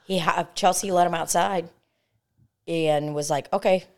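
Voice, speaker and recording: A woman's voice: lowish voice, fairly even intonation, measured pace. A young woman co-hosting a podcast in casual, crude, joking chat from a hotel room, swearing freely. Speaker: podcast co-host.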